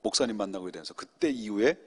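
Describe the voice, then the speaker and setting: A middle-aged male pastor preaching at a Friday prayer meeting, telling a personal story in an animated way. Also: on the low side, a little fast, breathy edge. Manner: animated storytelling, acts out quoted speech. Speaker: senior pastor. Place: church sanctuary. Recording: long reverb of a church hall.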